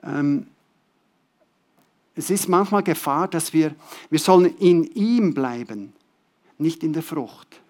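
A man preaching a sermon to a congregation, repeating key words and swinging between loud, stressed phrases and soft drops. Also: on the high side, animated, takes it slowly, long pauses.

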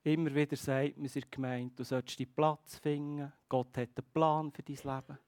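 A man preaching a sermon, earnest, speaking straight to his congregation and slowing on key phrases. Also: fairly high pitch, little pitch movement, darkish tone, no echo. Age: adult with a child.

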